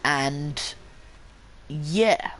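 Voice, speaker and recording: A man's voice: fairly high pitch, very slow, fairly bright tone. A man doing live commentary on a sim race late at night, rambling and self-mocking, with many fillers and restarts.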